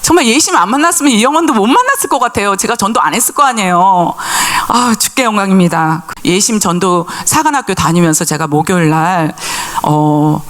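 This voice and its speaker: Lively emotional woman giving testimony. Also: mid-range voice, fairly quick, hardly any pauses. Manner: emotional storytelling, acts out voices in quotes. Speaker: pastor's wife giving testimony. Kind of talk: church testimony.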